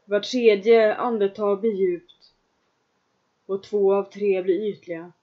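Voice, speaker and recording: A trance meditation is guided by a woman whose voice sits at medium pitch in the mid range. Her second-person instructions are calm and measured, separated by long pauses. The audio comes across as dull and lo-fi.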